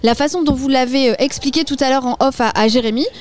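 A woman's voice: high-pitched, fast. A woman hosting a local radio show, chatting with guests at an association fair in a community hall. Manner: chatty, friendly, lots of fillers. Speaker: radio host. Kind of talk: live radio interview.

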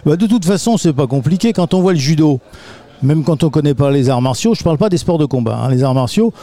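A man's voice: a little high, expressive, quick pace, dark tone. A man, an aikido teacher, patiently explaining his martial art in a radio interview recorded in a community hall.

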